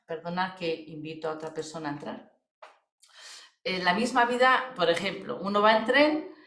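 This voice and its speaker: A woman's voice: medium pitch, fairly bright tone. Woman, voice therapist, conversational webinar, fillers and tag questions, roomy echo. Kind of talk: webinar explanation.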